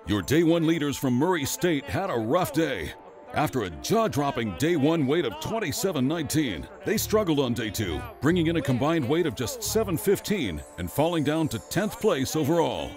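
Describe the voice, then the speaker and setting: A man's voice: fairly high pitch, big pitch swings, moderate pace, music in the background. A man giving scripted voice-over narration for a fishing tournament broadcast.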